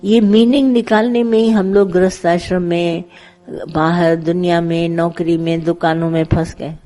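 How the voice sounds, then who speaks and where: A woman giving a satsang sermon, teaching in a conversational, gently instructive way and telling parables with acted dialogue. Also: fairly low pitch. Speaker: spiritual teacher.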